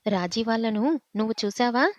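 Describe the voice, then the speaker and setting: A woman's voice: a little high, lively intonation, moderate pace, no echo, close to an everyday voice. A woman voicing a firm middle-aged police inspector asking questions, in a dull, dry recording.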